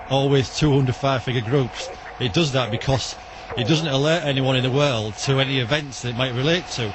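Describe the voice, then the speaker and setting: A man in an outdoor radio interview, answering in a detailed, matter-of-fact way as a radio enthusiast guest. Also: medium pitch. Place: outdoors in a back alley. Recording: outdoor background noise.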